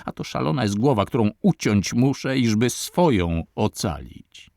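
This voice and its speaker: A man voicing a haughty, scornful nobleman prince who gives sharp commands. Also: lowish voice, very animated, slow, vocal fry, no echo, studio quality, heavily acted. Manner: commanding, sneering.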